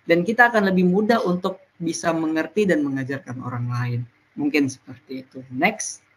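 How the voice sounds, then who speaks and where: In a mid-range voice and a fairly steady intonation, a presenter explains an educational topic to peers one point at a time, with recurring pauses on "nah".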